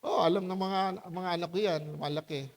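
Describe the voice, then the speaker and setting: Talking a little quickly, a man gives a sermon as a pastor in an easygoing, chatty way, often putting questions to the congregation. His delivery is lively, punctuated with laughter during stories and high-pitched voices for quotes.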